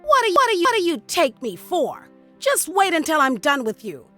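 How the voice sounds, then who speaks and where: A piercing, feisty young heroine. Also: female voice, extremely high pitch, wildly swooping pitch, a little fast, pushed and bright, faint music behind, heavily acted. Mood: threatening. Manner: brash, combative, exclamatory.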